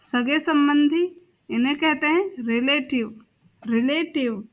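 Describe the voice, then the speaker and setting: A woman's voice: sits high, takes it slowly, fairly bright tone, highs cut off. A young woman teaching a vocabulary lesson. She says each word twice and spells words out letter by letter. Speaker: English teacher.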